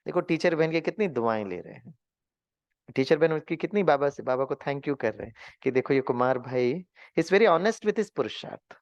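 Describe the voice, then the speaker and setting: A man teaching a spiritual class, telling a story in a lively way, acting out what people said and mixing in English words. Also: fairly high pitch, dry recording, dull audio. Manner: animated, acts out quotes, mixes in English words.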